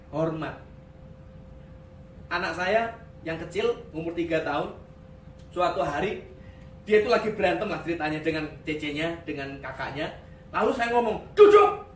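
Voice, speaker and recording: A male pastor preaching a sermon in a lively, joking way, slipping English phrases into his talk. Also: very high voice. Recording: echoey hall, voice from far off, faint hum.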